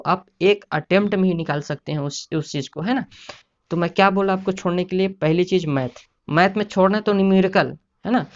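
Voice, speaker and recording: A man explaining exam preparation in a casual lecture, often repeating "है ना" and "साथियों". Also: high-pitched. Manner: repetitive, keeps adding "है ना" and "साथियों". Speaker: exam prep teacher. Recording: dull lo-fi sound.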